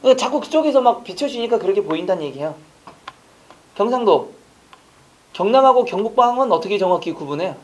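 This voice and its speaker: A man teaching an online exam-prep lecture, quizzing listeners with rapid rhetorical questions and casual joking asides. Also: high voice, lively intonation.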